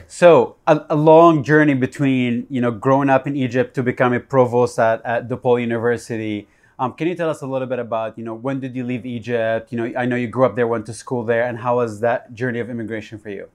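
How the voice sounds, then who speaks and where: A man's voice: medium pitch, fairly even intonation, brisk, darkish tone. A man hosting a podcast, reading the intro and then asking friendly interview questions. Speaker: podcast host.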